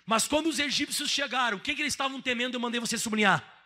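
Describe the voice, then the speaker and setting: A Brazilian man preaching a sermon with a Brazilian Portuguese accent, swinging between shouted emphasis and quiet passages. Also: very high voice, very fast. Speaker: pastor.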